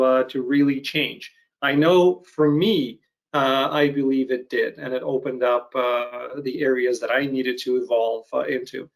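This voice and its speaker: A man in his thirties from Ukraine hosting an interview over a video call, talking in a thoughtful, measured way with frequent pauses. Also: mid-range voice, low-quality recording. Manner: thoughtful, measured, hesitant with fillers. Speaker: podcast host. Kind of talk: casual interview chat.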